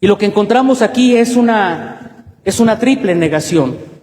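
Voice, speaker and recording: Male Mexican pastor, emphatic sermon delivery, higher voice, long church-hall reverb. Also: expressive, normal speed, darkish tone. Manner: emphatic, asks many rhetorical questions.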